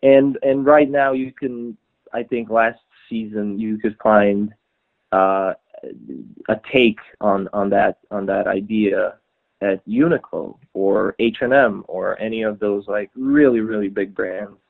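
Low-voiced man on a tinny line. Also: steady tone, creaky. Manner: halting, many restarts and fillers. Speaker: customer service at a trouser maker. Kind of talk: casual podcast conversation.

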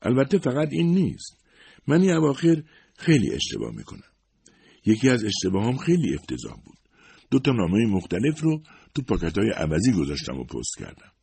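A man's voice: on the low side, huge pitch swings, gravelly, dark tone, slightly rough, dry recording, pitched above the performer's own voice, heavily acted. A man voicing a humble, worried secretary in her fifties who talks hesitantly and apologetically. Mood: apologetic. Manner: hesitant, modest, self-excusing.

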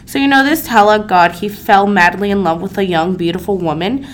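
A young Salvadoran woman co-hosting a podcast tells folk legends in a relaxed, conversational style, her medium-pitched voice moving fairly quickly. She often uses fillers like "um" and "you know," and faint background noise can be heard.

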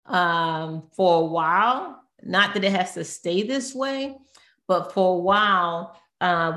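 A woman's voice: fairly low pitch, fairly bright tone. A woman speaking as a therapist in an earnest, conversational way, often searching for words and correcting herself mid-sentence. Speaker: therapist guest. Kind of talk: conversational expert talk. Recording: roomy echo.

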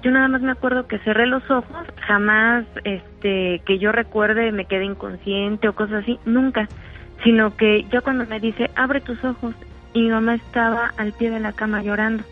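A woman with a Mexican accent tells a long personal story as a caller on a radio show. She wanders and fills her pauses, and her voice comes through a dull, muffled radio broadcast. Soft music plays faintly behind her. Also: on the high side, fairly even intonation. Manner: meandering, many fillers.

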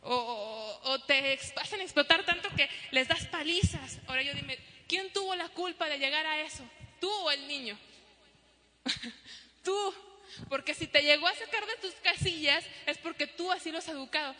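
A middle-aged woman preaching a sermon to a congregation, animated, acting out parents and children. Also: sits high, normal speed. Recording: long hall reverb.

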